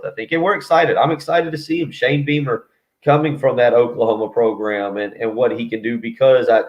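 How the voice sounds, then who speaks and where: A man calling in over the phone as a sports radio guest, talking casually and rambling with frequent restarts. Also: medium pitch. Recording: tinny phone line.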